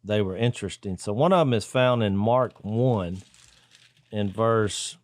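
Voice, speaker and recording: A man's voice: fairly low pitch, unhurried, no room sound. Man, casual co-host of a Bible discussion, thinks aloud, acts out quotes, dry studio sound. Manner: thinks aloud, acts out quoted lines with sudden loud jumps. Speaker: podcast co-host.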